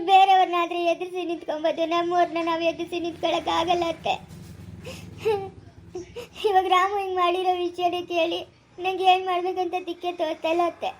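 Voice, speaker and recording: A heartbroken young village woman, played by a young woman, pleads through tears. Her voice is high and quick in this family drama. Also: darkish tone, close to an everyday voice. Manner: pleading, tearful. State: crying. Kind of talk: amateur village drama acting.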